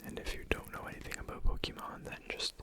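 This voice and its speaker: Toneless breathy whisper, ASMR host, slow hushed delivery, close and soft. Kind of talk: ASMR whispering while tapping objects.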